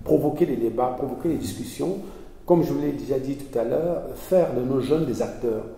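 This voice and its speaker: A man's voice: medium pitch, normal speed, gravelly, mellow. A man being interviewed as an essayist, speaking earnestly and hesitantly, often restarting his phrases. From Belgium. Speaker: essayist guest. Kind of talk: conversational interview. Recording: echoey hall from far off.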